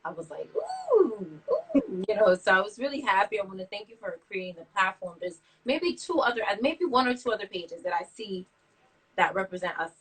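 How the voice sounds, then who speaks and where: A woman's voice: mid-range voice, big pitch swings, a little fast, a bit bright, husky, recorded from a distance, rough recording. A woman from Brooklyn, an abstract artist chatting casually in an interview, thinking aloud with frequent restarts. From Brooklyn, New York. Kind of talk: casual interview over a live stream.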